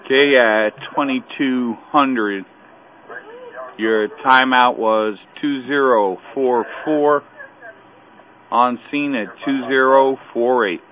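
A man's voice: mid-range voice, slow pace. A man dispatching formally over a two-way radio. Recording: tinny narrow-band radio.

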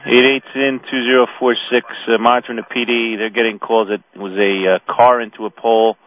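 A man's voice: medium pitch, little pitch movement, a little fast. A man dispatching fire units over two-way radio in a formal, procedural way, repeating messages back. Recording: tinny, narrow radio channel with hiss.

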